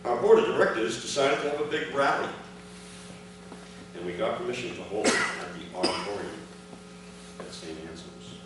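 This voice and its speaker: In a large, echoing room at a commemoration event, a man reads his father's memoir aloud in a medium-pitched, sing-song voice. His delivery is measured and broken into short, separated phrases, and the distant mic also picks up clear background noise.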